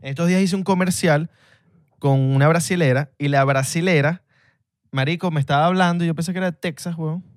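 A man's voice: a little high, fairly quick, no room sound, clean studio sound. A young man with a Venezuelan accent, co-hosting a podcast, joking and bragging in heavy slang. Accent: Venezuelan Spanish. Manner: jokey, boastful, slangy. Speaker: podcast co-host. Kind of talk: casual banter.

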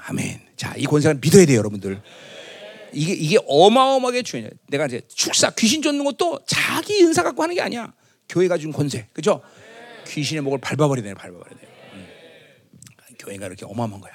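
A middle-aged man delivers a sermon in a conversational, teasing way, often asking his listeners to agree. His voice sits high for a man and swings widely in pitch. He bursts into raised-voice proclamations to act out a point. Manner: conversational, teasing the congregation with tag questions; acts out loud proclamations in a raised voice. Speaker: pastor.

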